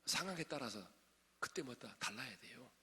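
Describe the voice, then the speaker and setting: A male pastor preaching to a congregation, swinging from shouted exhortation to hushed asides and quizzing his listeners. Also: mid-range voice, animated, normal speed. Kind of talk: sermon at a prayer meeting. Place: large church sanctuary. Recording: long reverb of a large church hall.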